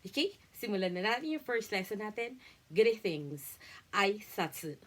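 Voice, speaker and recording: A young woman with a Filipino accent leads a casual language lesson at a middle pitch. She talks in a chatty, informal way and keeps slowing down to repeat each word for her learners. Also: very animated. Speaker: language tutor.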